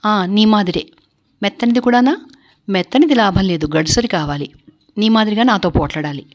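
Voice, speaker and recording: A light, bantering young man who laughs his way through an old sorrow, as a woman narrator voices him. He teases gently and keeps the talk playful, set in a spoken storybook. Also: mid-range voice, moderate pace, close to an everyday voice. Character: teasing cheerful young landlord's son.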